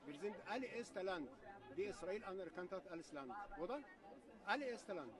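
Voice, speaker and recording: A middle-aged man from Egypt answers a street interview in a fairly high voice, pausing and hesitating often. He sounds a little distant from the mic, with a loud crowd all around him outdoors. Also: animated. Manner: halting, hesitant, with many fillers. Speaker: interviewee at a protest. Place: outdoor city street at a protest. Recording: distant voice over crowd noise.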